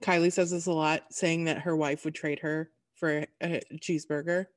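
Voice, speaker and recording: A woman's voice: low-pitched, flat delivery, moderate pace, no echo. A woman co-hosting a podcast in casual chat, chatty with wry, dry asides. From Florida. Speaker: podcast co-host.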